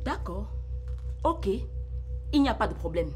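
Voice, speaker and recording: A firm, proud wife. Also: female voice, medium pitch, sing-song, a little slow, a little mellow, a little hiss or hum. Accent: Cameroonian French. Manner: firm, dismissive. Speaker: wife and restaurant owner.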